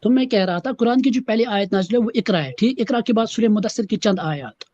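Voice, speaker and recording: A man's voice: sits high, fast talker, a little mellow, lo-fi sound. A man taking part as a guest in an online debate, staying polite and deferential and calling the host sir.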